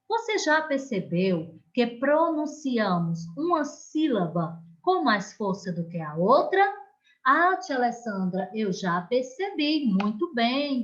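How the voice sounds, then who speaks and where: A Brazilian woman teaching an online lesson to children, stretching out the stressed words and gently coaxing the class to pay attention. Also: a little high, lo-fi sound. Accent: Brazilian Portuguese. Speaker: primary school teacher.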